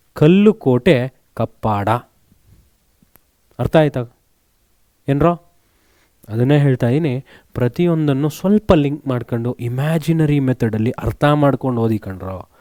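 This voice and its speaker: A man's voice: on the high side, dark tone, dry recording, studio quality. A man teaching an exam-prep lesson. He keeps asking his students questions, then answers them himself, and mixes English words into his speech.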